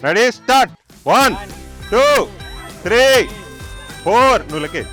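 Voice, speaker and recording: A man hosting a village game show outdoors, loudly counting to ten and joking with the villagers. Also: high voice, lively intonation, a little slow, soft background music.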